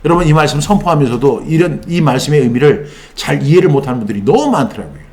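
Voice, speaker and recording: Male pastor, middle-aged, animated sermon delivery, slightly high voice with wide swings. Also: fast talker. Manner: animated preaching, acts out quoted voices.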